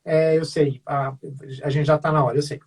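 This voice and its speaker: A man's voice: a little high, little pitch movement, normal speed, husky, distant mic. A man on a video call panel, speaking earnestly and rambling with many fillers and restarts. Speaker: mediation facilitator. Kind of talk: casual online panel talk.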